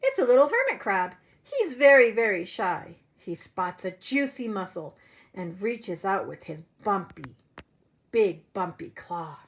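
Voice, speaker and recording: A preschool teacher with a mid-range voice tells young children a story expressively, speaking a little slowly. She keeps her phrasing simple and asks them direct questions.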